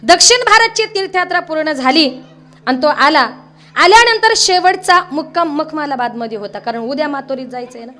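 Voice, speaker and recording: A woman preacher telling a devotional story in a kirtan, in an animated voice that breaks into sung verses. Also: high-pitched, fairly quick. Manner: animated storytelling, rising into song.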